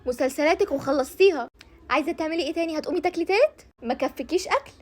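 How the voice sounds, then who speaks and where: A nagging study conscience that lectures at speed, high-pitched, sarcastic and quick, with an Egyptian accent, as a woman puts her on for a comedy sketch. She teases and scolds without stopping. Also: a little mellow, a little hiss or hum, natural voice. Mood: scolding. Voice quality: quick, teasing, lecturing delivery.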